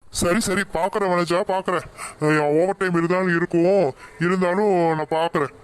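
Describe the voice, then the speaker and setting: A man's voice: high voice, steady tone, fairly quick, smooth, close to an everyday voice. A man voicing a mild young husband in a cartoon, placating his mother and wife, with a Tirunelveli Tamil accent. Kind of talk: cartoon voice acting.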